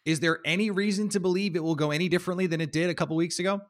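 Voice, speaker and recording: A man hosting a sports podcast, reading news and asking questions in a measured way. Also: sits high, fairly even intonation. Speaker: podcast host.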